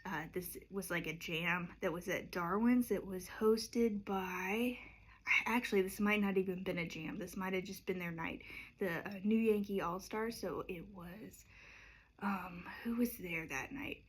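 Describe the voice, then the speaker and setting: A woman's voice: medium pitch, unhurried, breathy edge. A woman singer-songwriter chatting casually and unhurriedly between songs, rambling with lots of fillers. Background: acoustic guitar.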